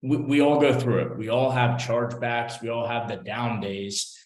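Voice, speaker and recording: A man hosting the session who agrees warmly with the trainer and then moves on to his next question. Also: mid-range voice, fairly even intonation, normal speed. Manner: agreeable, affirming. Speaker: session host. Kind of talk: casual interview questions. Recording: roomy echoing mic.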